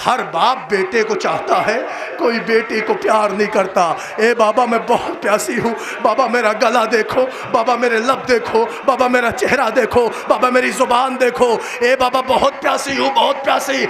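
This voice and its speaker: A man's voice: very high voice, fairly even intonation, few pauses. A man with an Indian Urdu accent, a cleric giving an impassioned mourning sermon that rises into a chanted lament at an outdoor gathering. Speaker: Shia cleric giving a majlis address. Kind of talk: mourning sermon rising to sung wailing. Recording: echoey live PA with crowd noise. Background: crowd of mourners.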